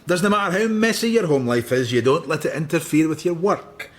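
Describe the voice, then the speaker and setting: A man acting as a blunt Scottish police inspector in a radio crime drama. His voice is fairly high for a man and swings widely as he delivers dry, sardonic remarks. There is faint ambience behind him. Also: expressive, a little fast, a little hiss or hum, natural voice. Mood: dry, wry.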